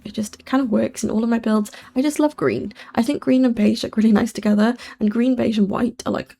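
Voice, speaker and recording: British woman with whistling S sounds and creak. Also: mid-range voice, mellow. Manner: informal and rambling, often self-correcting. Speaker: host of a gaming build channel. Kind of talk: casual chatty voice-over commentary.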